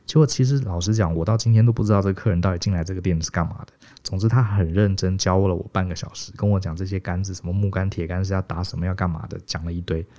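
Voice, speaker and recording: A middle-aged man from Taiwan telling stories casually as a podcast co-host, animated and chuckling. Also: deep voice, very fast. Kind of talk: casual storytelling. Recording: dull, muffled podcast audio.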